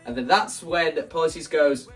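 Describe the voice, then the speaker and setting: This is a video creator, a man with a slightly high voice and a moderate pace, casually explaining his plans for staging a musical. His delivery is excited and meandering, full of self-interruptions and acted-out quotes. Soft music plays under a distant recording.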